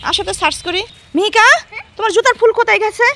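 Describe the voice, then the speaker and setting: A young mother filming a family vlog chats casually with her small children and viewers, coaxing the kids with simple, repeated instructions. Her voice is very high and rapid-fire, and clear background noise can be heard.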